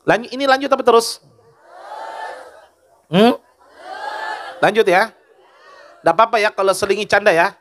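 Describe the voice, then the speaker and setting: A male preacher delivers a lighthearted sermon, teasing his listeners and throwing questions at them. His voice is bright and forward. His delivery moves between jokes and earnest storytelling. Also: high-pitched, normal speed, pauses often, some chatter behind, a little hiss or hum. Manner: joking and teasing with the audience, asks questions. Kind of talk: humorous sermon.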